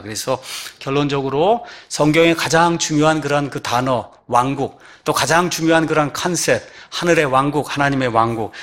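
A man preaching a sermon, often asking his listeners rhetorical questions and swinging between raised, emphatic phrases and low, quiet endings. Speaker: pastor.

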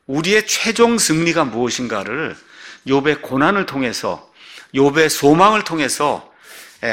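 A man delivers an expository sermon to his congregation, his voice bright and forceful. He keeps turning to the room with rhetorical questions as he works through the passage. His pitch sits in an ordinary male middle range. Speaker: pastor.

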